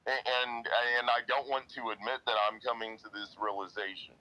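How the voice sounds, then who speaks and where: Earnest man, lowish pitch, very bright forceful tone, casual chat guest. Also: steady tone, fairly quick, rough recording. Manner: earnest, quotes himself often. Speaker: guest in online audio chat.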